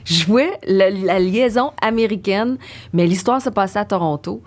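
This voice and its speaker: Middle-aged québécois woman, mid-pitched, quick chatty anecdotes. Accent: Québécois French. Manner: brisk anecdotal, lively recounting. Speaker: guest actress. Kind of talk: casual conversation.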